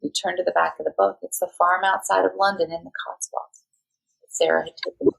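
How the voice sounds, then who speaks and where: A woman guest on a podcast, telling a personal story in a lively, anecdotal way and laughing often. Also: fairly low pitch, a little fast, vocal fry, poor audio. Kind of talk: storytelling in conversation.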